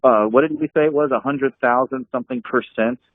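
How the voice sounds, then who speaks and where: A brisk, mid-range male voice comes through dry, tinny call audio with no room sound. The speaker, an anti-scam blogger on a group call, reminisces casually, rambling with many fillers and restarts and laughing often at his own stories.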